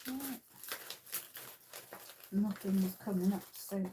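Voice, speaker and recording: A woman's voice: mid-range voice, flat delivery, slow, background noise. A woman hosting a craft tutorial, thinking aloud as she works, with frequent ums and uhs. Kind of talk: casual crafting demonstration.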